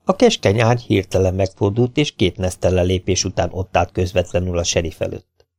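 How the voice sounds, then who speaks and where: Guy reading an audiobook, steady even telling, kinda low voice. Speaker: audiobook narrator. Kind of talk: scripted audiobook narration.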